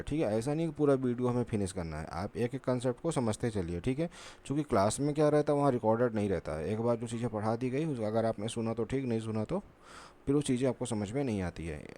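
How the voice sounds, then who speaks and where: A man's voice: mid-range voice, mellow. A man teaching a maths lesson at a board, patient and repetitive, asking himself questions and answering them. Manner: patient, repeats "ठीक है" and asks rhetorical questions.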